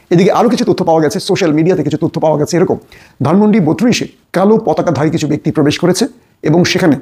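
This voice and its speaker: A man's voice: fairly high pitch, darkish tone, husky. A man giving urgent online commentary, warning his viewers and urging them to act. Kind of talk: solo video commentary.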